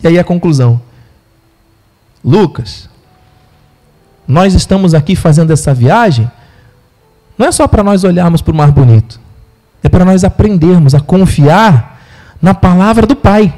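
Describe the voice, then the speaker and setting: A man with a Brazilian Portuguese accent preaching a sermon, telling a story with animated voices for the people in it. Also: sits high, a little slow, long pauses. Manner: animated storyteller, acts out quotes. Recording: long hall reverb.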